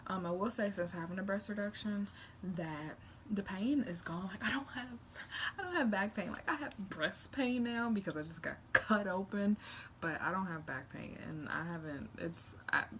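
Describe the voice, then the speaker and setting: A woman's voice: medium pitch, normal speed. A young woman vlogging in a casual, candid, rambling chat to camera. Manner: candid, rambling, animated retelling with acted-out quotes. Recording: noticeable background noise.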